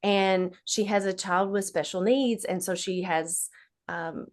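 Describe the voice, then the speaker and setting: A woman's voice: mid-range voice, fairly even intonation, measured pace. A woman with an Appalachian accent chatting casually as an interview guest, in a folksy, unflattened dialect. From Appalachia, United States.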